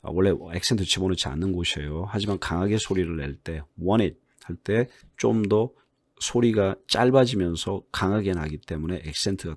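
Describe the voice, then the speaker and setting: A man with a Korean accent teaches English pronunciation in a low, fairly deep voice. He talks through each point in short bursts and draws out the English example words slowly and with emphasis. The sound is close and dry, with no room echo. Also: a little mellow. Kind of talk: online English lesson.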